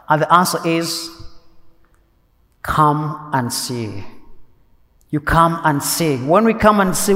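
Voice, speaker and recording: A man with a high-pitched voice preaches a Sunday homily in a large church. His delivery is earnest and emphatic, and he circles back to key phrases. A long cathedral echo trails after each line. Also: a bit bright. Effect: cathedral echo, long church reverb. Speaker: priest.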